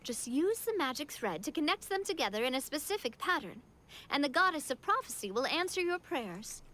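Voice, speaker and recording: A woman voicing a calm, wise young queen in a video game, speaking with gentle, measured authority. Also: high-pitched, a little hiss or hum, exaggerated voice.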